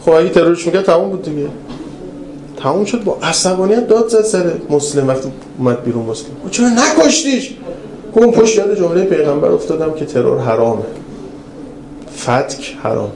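A man preaching a religious lecture, telling stories in an animated way that swings between raised and hushed passages. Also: a little high, slight background noise. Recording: roomy hall with faint ambience.

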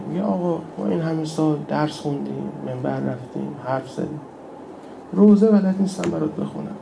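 Gravelly, emotional male preacher. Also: fairly high pitch, a little hiss or hum, low-quality recording. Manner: emotional, drops to a hushed near-whisper at times. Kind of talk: religious sermon with storytelling.

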